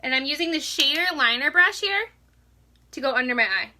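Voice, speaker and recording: A woman's voice: high voice, animated, a little fast, bright, forceful tone, slight background noise. A young woman chatting casually at home as she walks through a makeup tutorial, joking and saying "like" a lot. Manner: chatty, joking, filler-heavy "like". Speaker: makeup vlogger.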